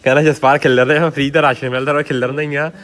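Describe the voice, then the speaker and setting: A man's voice: on the high side, flat delivery, racing, fairly bright tone. A man in his twenties with an Indian Punjabi accent, bantering bluntly and mockingly and often repeating himself. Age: 20s. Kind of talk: casual teasing banter.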